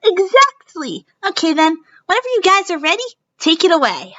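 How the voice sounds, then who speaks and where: A woman's voice: very high voice, wildly swooping pitch, moderate pace, sharp tone, highs cut off, voice pushed up, full character voice. A woman voicing a playful, teasing cartoon girl who hosts a game show, with hammy, stagy delivery, in a dramatic reading. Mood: brisk, cheerful.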